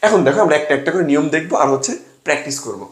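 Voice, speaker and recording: A man's voice: a little high, big pitch swings, very fast, roomy sound. Young man drilling a grammar rule. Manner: drills by asking and answering his own questions. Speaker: admission coaching tutor. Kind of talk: classroom lesson with sales pitch.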